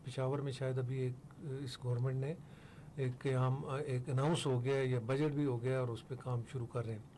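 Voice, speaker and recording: Older male interview guest, calm and measured, mid-range voice, faint hiss behind. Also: medium pitch. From Pakistan. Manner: measured, explanatory, pauses with fillers. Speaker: interview guest, foundation head. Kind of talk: radio interview. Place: radio studio.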